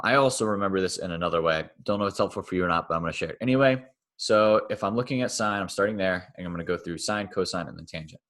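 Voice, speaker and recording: A man's voice: low-pitched, a bit bright. A male math teacher recording a casual online lecture, thinking aloud and correcting himself as he draws on screen.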